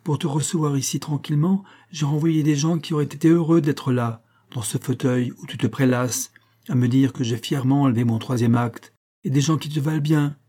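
A man's voice: medium pitch, normal speed, mellow, pitched above the performer's own voice, natural voice. A man reading aloud, voicing a proud, furious young opera singer who scolds and commands. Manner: imperious, scolding.

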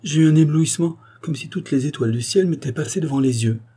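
A man's voice: fairly high pitch, quick pace, mellow, breathy edge, pitched above the performer's own voice. A man reading an audiobook, voicing an earnest, impassioned young man in love who is making vows. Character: ardent young man in love, late twenties.

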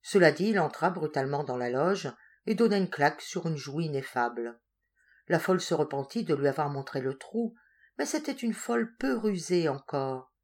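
Measured woman reading an audiobook. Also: low-pitched, expressive. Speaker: audiobook reader. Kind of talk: scripted narration.

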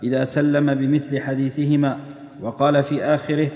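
A man reading religious texts aloud in a steady recitation. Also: mid-range voice, a little fast. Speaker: reader of hadith text. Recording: echoey hall, dull old tape.

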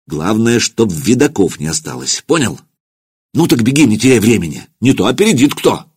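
A man's voice: lowish voice, big pitch swings, moderate pace, darkish tone, breathy edge, no echo, clean studio sound. A man doing a sly, scheming city official. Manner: urgent, conspiratorial. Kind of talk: audiobook character voice.

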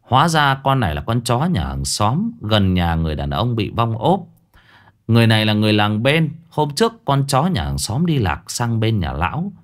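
A man's voice: lowish voice, huge pitch swings, moderate pace. A man narrating a ghost story in a colloquial, earthy, exclaiming way.

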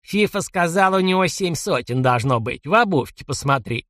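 A man voicing a scrawny, cackling old jailer boss with a creaky, high voice and a mocking, bossy, drawn-out way of talking. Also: animated, fairly bright tone, dry recording, clean studio sound. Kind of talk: audiobook character voice.

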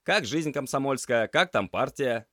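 A brash, teasing young tomcat student, put on by a male narrator. The voice jumps high and swings widely, loud and playful. It sits dry and close to the mic. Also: expressive, measured pace, no echo. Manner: teasing, boisterous. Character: cheeky young male cat student, joker.

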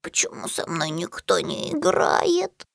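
A tiny, timid pug puppy pleads in a high, squeaky voice that leaps all over the place, as a woman reading a storybook brings her to life. She sounds small and hopeful, with a whimper at the edges. Recorded close and dry. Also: lively intonation, measured pace, pushed and bright, no room sound, heavily acted. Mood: sad.

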